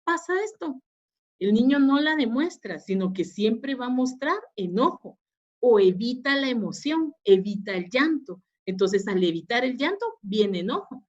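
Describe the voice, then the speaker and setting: A woman's voice: fairly high pitch, animated, normal speed. A woman psychologist giving a webinar lecture, explaining patiently with fillers and restarts. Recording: dull lo-fi webinar audio.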